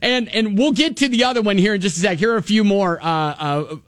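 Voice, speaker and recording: A man's voice: sits high, a little fast, fairly bright tone, no echo, studio quality. A man co-hosting a radio show in casual chat, telling a story with frequent giggles.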